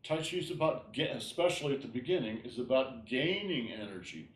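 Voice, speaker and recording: A man teaching an online tai chi class, explaining gently and often checking in with "all right?". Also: medium pitch, very animated, a little fast. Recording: roomy echo.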